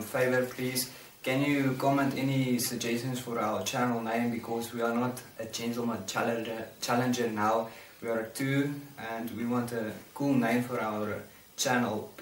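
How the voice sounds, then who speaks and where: A teenage young man chatting casually to camera as host of a challenge video. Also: medium pitch. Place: indoor room with bare walls. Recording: roomy, distant mic, faint noise.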